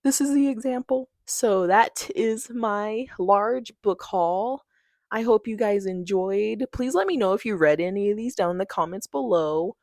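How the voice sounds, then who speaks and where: A woman's voice: mid-range voice, a little slow, darkish tone, no room sound, studio quality. A young woman chatting casually about a book haul in a bubbly, gushing, giggly way. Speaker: book vlogger.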